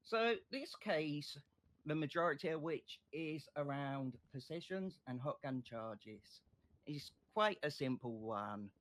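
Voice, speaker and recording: A man playing a state prosecutor in an online courtroom role-play, making a passionate, deliberate closing argument. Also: a little high, animated, a bit bright. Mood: accusing, impassioned.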